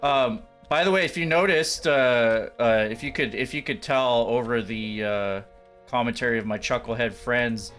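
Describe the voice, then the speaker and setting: A man's voice: mid-range voice, moderate pace, a bit bright, clean tone, soft background music. A man hosting a gaming stream, chatting casually and pointing out details of the game. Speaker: streamer host.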